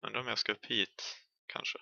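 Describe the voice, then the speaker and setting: A man's voice: lowish voice, little pitch movement, gravelly, sharp tone, no echo, dull audio. A young man with a Swedish accent giving chatty, jokey commentary while playing a horror game, yelping when chased. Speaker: gaming streamer.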